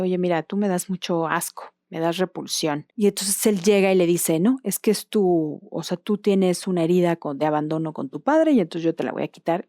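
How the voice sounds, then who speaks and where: A woman's voice: mid-range voice, dark tone, dry recording, studio quality. A woman with a Mexican accent hosting a podcast, talking in a casual, explanatory monologue and often closing her points with a questioning tag. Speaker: podcast host.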